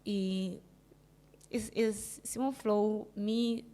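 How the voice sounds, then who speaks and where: A woman with a Cape Verdean Creole accent telling a personal story in an interview, halting and restarting, often asking if the listener understands, subdued with sudden bursts of emphasis. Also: medium pitch, fairly even intonation, dark tone. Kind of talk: personal account in a casual interview.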